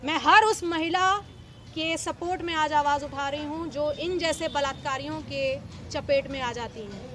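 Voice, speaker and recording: High-voiced woman speaking out passionately. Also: steady tone, moderate pace. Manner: impassioned, emphatic, accusing. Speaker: local politician speaking to reporters. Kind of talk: street press interview.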